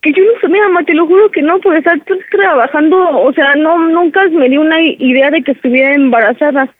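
A woman's voice: high-pitched, fast, close to an everyday voice. A woman playing a frantic daughter on a tinny phone line. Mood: pleading. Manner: pleading, upset, talks over her mother. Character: young woman pretending to be two daughters. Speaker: prank caller. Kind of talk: prank phone call.

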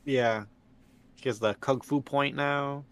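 A young man co-hosting a podcast in casual chat, chiming in with quick agreements and callbacks. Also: medium pitch, steady tone, fairly bright tone, clear, resonant tone. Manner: easygoing, chiming in with short agreements. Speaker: podcast co-host. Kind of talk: casual chat about an anime.

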